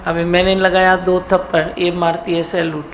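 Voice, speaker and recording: The speaker is a middle-aged woman guru giving a satsang talk, scolding and teasing her followers slowly in a gravelly tone. She keeps a fairly low pitch and a level delivery. The low-quality recording has faint background noise.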